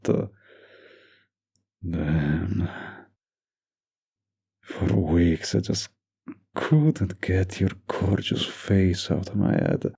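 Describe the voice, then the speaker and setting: Low-pitched and warm, this man fully commits to the character of a young mafia heir who is doting and dominant in a boyfriend roleplay. He murmurs in a gravelly, husky tone, teasing and possessive.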